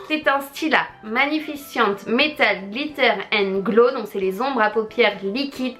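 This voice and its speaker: A young beauty vlogger with a slightly high, a bit bright voice unboxes gifts on camera. She gushes and exclaims in excited chat, addressing both her viewers and the friend who sent them.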